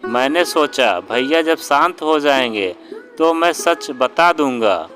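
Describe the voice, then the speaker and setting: Storybook figure: a choked-up, pleading young man, read by a man. Slow delivery. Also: a little high, expressive, fairly bright tone. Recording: guitar music underneath.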